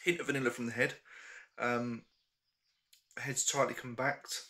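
A man's voice: mid-range voice, flat delivery, unhurried, bright, forceful tone. A young man chatting casually to camera in a small room as he reviews a beer, hesitant with frequent ums.

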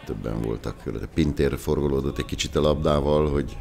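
Casting: bass-voiced male local football commentator, unhurried and reflective. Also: creaky, dark tone.

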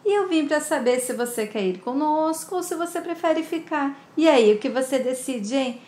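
A woman voicing a calm, dry-witted mother, reading her lines plainly with little change of voice, in an echoey room. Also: high voice, normal speed.

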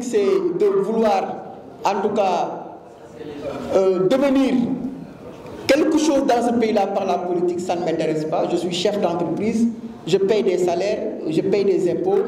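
A man in his forties from Senegal speaks at a press conference, earnest and emphatic, pausing with hesitations. His voice is high for a man but dark in tone. The room is echoey, with a long reverb, and he sounds set back from the mic. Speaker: business leader at a press conference. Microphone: handheld mic among a cluster of press mics. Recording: roomy hall from a distance.

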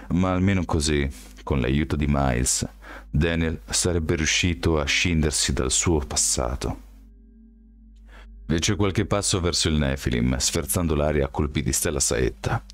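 A man reading a novel aloud as audiobook narration, in a steady, even storytelling manner. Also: rumbling low. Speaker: audiobook reader.

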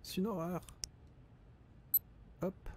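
Middle-aged man, game streamer, mellow voice, hesitant thinking aloud, chatty. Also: sits high, steady tone, extremely slow, a little hiss or hum. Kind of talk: live gameplay commentary reading chat.

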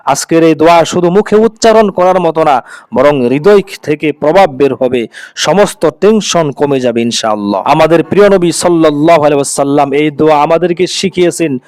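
A man's voice: on the high side, fairly quick, darkish tone, dry recording. Earnest man giving a devotional talk. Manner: earnest, reassuring, preacher-like address. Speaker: Islamic video presenter.

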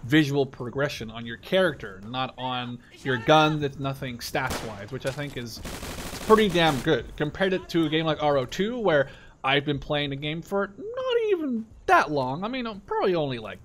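Over the clatter of gunfire and clicks from a war game, a young gaming creator offers sweary, opinionated, rambling live commentary. He speaks at a moderate pace in a slightly high, animated voice, with the loud machine-gun noise right behind him.

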